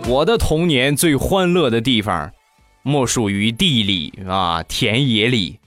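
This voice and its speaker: A man hosting a comedy podcast, telling funny stories in an animated way and acting out each character. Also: mid-range voice, unhurried, faint music behind. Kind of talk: comic storytelling.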